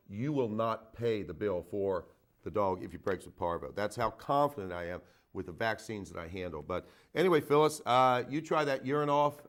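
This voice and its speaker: Man, veterinarian host, low voice, folksy, repetitive, casual call-in advice. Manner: folksy, repeats himself, frequent "okay?" and "uh". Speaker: veterinarian radio host taking calls. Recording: phone-in radio.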